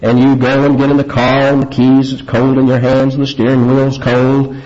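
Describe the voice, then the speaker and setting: A man preaching an expository sermon, emphatic and vivid, stressing key words with rising pitch. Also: completely flat delivery, normal speed, a little mellow, muffled recording.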